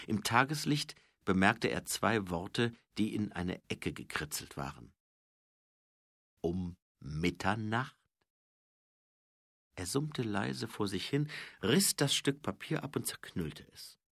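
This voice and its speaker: A man narrating a fantasy audiobook in a slow, expressive reading. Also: on the low side, vocal fry, breathy edge, no room sound, studio quality. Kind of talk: scripted narration.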